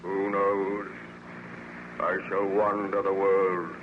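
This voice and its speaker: A bitter, menacing monster in an old radio horror drama. He declaims in archaic, grandiose phrases at a very deliberate pace. The recording is dull and clearly noisy. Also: sits low, little pitch movement. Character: vengeful man-made monster, male, menacing, bitter and contemptuous. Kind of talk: old-time radio horror serial acting.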